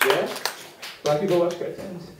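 A man's voice: high-pitched, steady tone, moderate pace, a crowd in the background. A man doing a rambling, awkward, self-deprecating stand-up set on a comedy club stage. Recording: echoey club room, mic far off, loud hiss.

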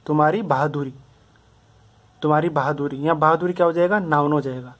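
Male grammar teacher, fairly high voice, patient step-by-step repetition. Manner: repetitive, explains step by step with many examples. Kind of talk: casual Hindi lesson explanation.

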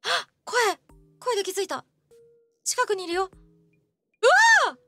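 A woman streaming a live anime watch-along, reacting excitably with gasps and then scolding herself. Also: very high-pitched, moderate pace, dry recording, soft background music. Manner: excitable, gasping, self-deprecating. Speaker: VTuber streamer.

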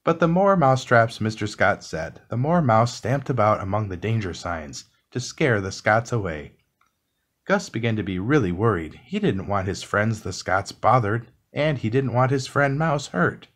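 A man reading a children's book aloud as calm bedtime narration, soft and unhurried. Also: on the low side. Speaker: storybook reader.

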